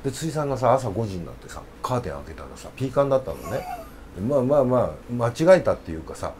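Lively storytelling middle-aged man. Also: medium pitch, quick pace, a little hiss or hum. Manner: rambling anecdotes, tag particle さ. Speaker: guest, former pro baseball player. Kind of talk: casual chat.

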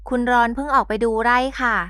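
Brief: fussy young housemaid, bright and higher-pitched, smooth voice, dry sound, read by a woman. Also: fairly even intonation, fast talker, dry recording. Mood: fussing. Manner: startled then fussing, polite particles.

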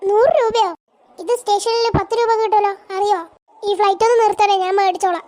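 A woman voicing a naive, chatty middle-aged woman in a cartoon, with a squeaky, argumentative manner. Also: steady tone, fairly quick, a little mellow. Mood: bickering. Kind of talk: cartoon voice acting.

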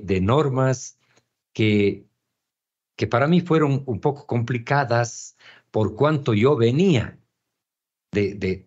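A man's voice: lowish voice, darkish tone. An older man, a painter and author, answering interview questions in a reflective, hesitant way, often repeating words as he searches for them. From Ecuador. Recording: dull lo-fi audio.

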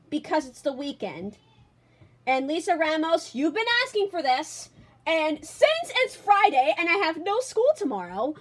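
Young woman, high voice, slow casual vlog talk. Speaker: fan dubber, video host.

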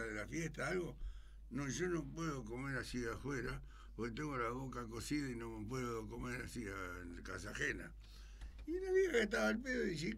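A man's voice: on the high side, gravelly. A man telling jokes on a radio talk show, acting out the characters in his stories. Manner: animated storyteller acting out characters. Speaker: joke-telling radio guest.

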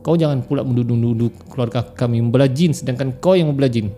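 A man's voice: mid-range voice, fast talker, warm tone, a little hiss or hum, close to an everyday voice. A man voicing an indignant family man who scolds the landlord.

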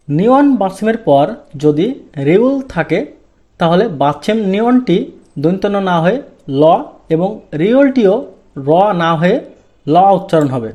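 A man's voice: high voice, warm tone. A man from Bangladesh teaching Korean pronunciation, asking questions and then answering them himself. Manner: drawn-out, deliberate stress on key sounds. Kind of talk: step-by-step pronunciation lesson.

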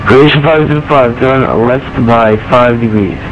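A man working as an air traffic controller, heard over an aviation radio channel, giving measured instructions in clipped phraseology and reading numbers digit by digit. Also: mid-range voice. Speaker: air traffic controller in a flight sim network. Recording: muffled radio with strong static.

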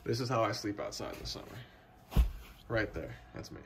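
A young outdoor gear vlogger gives a casual walkthrough from a basement room at home, chatting relaxedly to the camera and his dog. His voice is on the low side at a moderate pace, captured on a phone camera held close, with heavy background noise.

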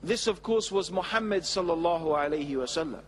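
A middle-aged man giving a measured, emphatic religious lecture at a stand mic on a large studio stage before an audience. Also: on the high side, long reverb tail, a little hiss or hum. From England. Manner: measured, emphatic, with expressive hand gestures. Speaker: Islamic preacher. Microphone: stand mic at a lectern.

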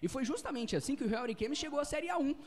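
A man's voice: very high voice, lively intonation, very fast. A Brazilian man giving live football play-by-play in a chatty way, often repeating phrases. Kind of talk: live match commentary.

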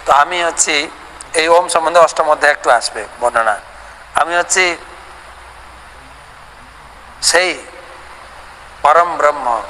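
A man delivers a devotional scripture lecture, answering questions sent in by listeners. His voice is bright and forceful, a little higher than most men's. He acts out imagined conversations and draws out chanted mantras slowly, with a long hall reverb and a faint hum of noise behind him.

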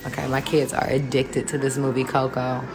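A woman's voice: extremely low pitch, little pitch movement, a little fast, over music. A woman in her thirties chatting casually on a phone livestream from her home kitchen, rambling and laughing easily. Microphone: phone held close.

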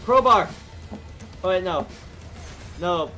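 A woman's voice: on the low side, lively intonation, slow, bright, forceful tone, soft background music. A woman streaming a zombie game with a friend, stammering, shrieking in fright and laughing nervously. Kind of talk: frantic gaming stream chat.

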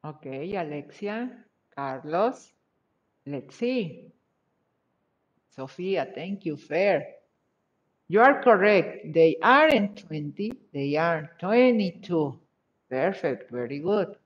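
Slow, patient woman teacher. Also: on the low side, expressive. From Mexico. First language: Spanish. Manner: patient, encouraging, repeats praise. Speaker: English teacher. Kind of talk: online class, checking answers. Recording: dull lo-fi video call audio.

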